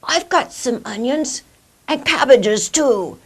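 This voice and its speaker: A woman voicing an eager, generous old man villager who calls out excitedly in a folk tale. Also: high voice, takes it slowly, pitched above the performer's own voice, heavily acted. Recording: clear background hiss.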